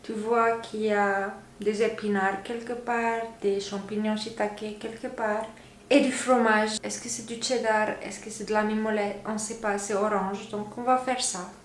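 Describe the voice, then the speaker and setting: In her home kitchen, a woman films a cooking vlog, talking in a playful, self-mocking way. Her medium-pitched voice moves little in pitch and keeps a measured pace. The room is echoey, with background music and slight background noise.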